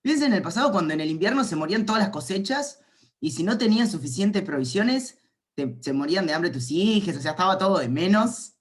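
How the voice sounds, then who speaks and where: A man's voice: sits high, expressive, brisk. Playful man lecturing. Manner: playful, rambling asides, thinking aloud. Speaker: university calculus lecturer. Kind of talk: informal online lecture.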